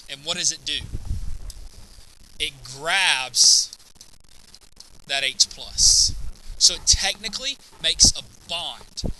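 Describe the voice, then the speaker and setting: Bright-voiced male chemistry teacher. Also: on the high side, slow pace, pauses often, slight background noise, poor audio. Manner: quizzes students with frequent "right?" and "okay?". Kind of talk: classroom lecture. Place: classroom.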